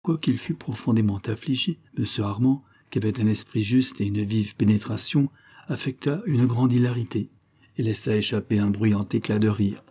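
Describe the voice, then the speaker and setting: A man narrating a nineteenth-century short story in a measured, expressive reading. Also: fairly low pitch, husky. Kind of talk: literary audiobook narration.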